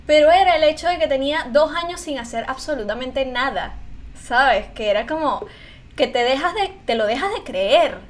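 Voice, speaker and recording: A woman's voice: high voice, moderate pace. A woman actress, chatting casually among friends and acting out the people in her stories. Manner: animated storytelling, acts out quoted people.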